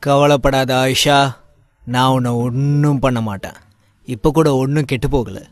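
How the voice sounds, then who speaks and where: A man's voice: medium pitch, steady tone, a little slow, dry recording, close to an everyday voice. A man voicing a sneering young villain who taunts and threatens in a mocking tone. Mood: taunting, menacing.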